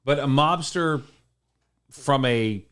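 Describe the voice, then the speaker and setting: A man's voice: medium pitch, takes it slowly, fairly bright tone. A man co-hosting a casual sports podcast, talking at length and teasing his co-host. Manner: talkative, rambling, teasing.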